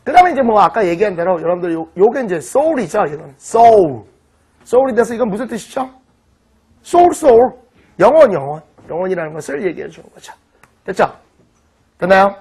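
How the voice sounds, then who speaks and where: A middle-aged man teaching an online vocabulary lecture in an animated, teasing way, often checking that students follow. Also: sits high, moderate pace, husky. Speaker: English teacher.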